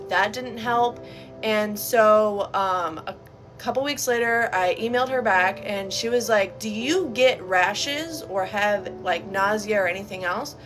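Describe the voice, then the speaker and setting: A young adult woman sharing a personal story in a candid, chatty, informal way, like a casual video to camera. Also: medium pitch.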